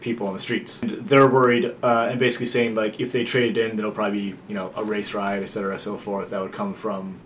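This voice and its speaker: A man co-hosting a podcast, casually explaining a film's story in quick bursts. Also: fairly low pitch, flat delivery, a little hiss or hum. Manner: explains plot context in quick bursts, with restarts. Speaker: podcast co-host. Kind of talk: casual film discussion.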